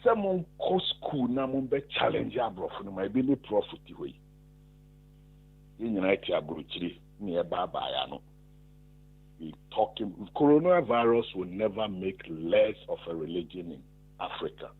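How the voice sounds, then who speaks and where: A phone-in discussion features a Ghanaian-accented caller who argues his point emphatically in a blend of Twi and English. He speaks on the low side at a moderate pace, in a sing-song way with a breathy edge, and the phone line sounds tinny.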